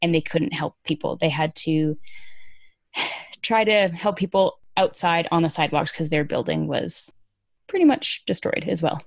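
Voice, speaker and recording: Creaky, lower-pitched woman hosting a podcast. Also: unhurried, no echo, studio quality. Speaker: podcast host. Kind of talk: casual conversational news commentary.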